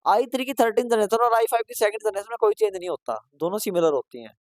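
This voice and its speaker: This male instructor runs a live online computer class where he raises questions only to answer them on his own. He goes over points again, hurries students for quick replies, and both chides and cheers them softly. His high voice swings widely in pitch over a dry recording.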